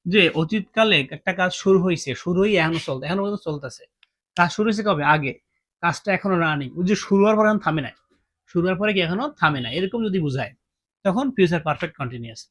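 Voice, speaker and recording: A man's voice: high voice, animated, fast talker, fairly bright tone. A man teaching English grammar, asking his students questions and repeating each point. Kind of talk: classroom-style grammar lesson.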